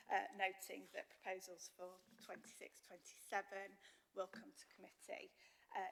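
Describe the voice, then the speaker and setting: Brief: woman officer briefing a committee, flat delivery, touch of vocal fry. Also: mid-range voice. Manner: measured, businesslike, with fillers. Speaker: council officer presenting a report. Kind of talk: formal meeting briefing. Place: council committee room.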